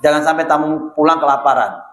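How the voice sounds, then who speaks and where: A man preaching a lively, chatty sermon in a mosque, often addressing listeners directly. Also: a little high, fast. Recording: echoey mosque hall.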